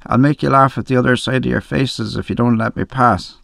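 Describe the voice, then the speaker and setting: A man voicing a drunken small boy who shouts belligerent threats in a story reading. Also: medium pitch, fairly even intonation, fairly quick, creaky, no echo, studio quality. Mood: shouting. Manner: shouting, slurring defiance.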